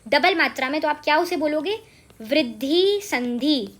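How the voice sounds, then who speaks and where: A woman's voice: high-pitched, fast, a bit bright. A woman teaching an exam-prep grammar lesson, mixing English into her Hindi and checking in often with rhetorical questions.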